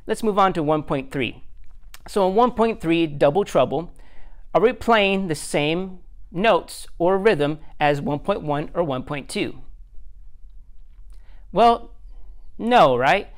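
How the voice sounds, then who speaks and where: A man as a music teacher, giving a recorded lesson step by step, counting beats aloud in a patient, self-deprecating way. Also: fairly high pitch.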